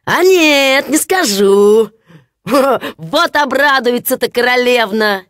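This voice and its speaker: A woman voicing a silly, cheerful young peasant lad who boasts, laughs and shouts. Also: on the high side, lively intonation, slow, dry recording, clean studio sound, voice pushed up. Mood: gleeful.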